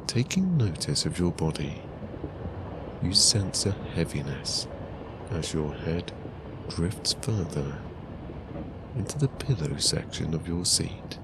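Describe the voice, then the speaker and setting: A man narrating a guided sleep story in a calm, soothing, hushed voice with long pauses. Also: deep voice, background noise.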